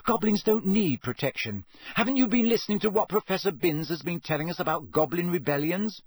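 A man voicing Hermione, a clever, bossy teenage schoolgirl who talks in a crisp, lecturing way in an audiobook reading. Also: sits high, expressive, a little fast, no echo, pitched above the performer's own voice. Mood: earnest, lecturing.

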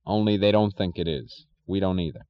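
Man reading tired soft-spoken engineer guy, low voice, muffled lo-fi sound. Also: steady tone, clear, resonant tone, natural voice. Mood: weary calm. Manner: quiet, slow, resigned. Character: weary, soft-spoken male chief engineer.

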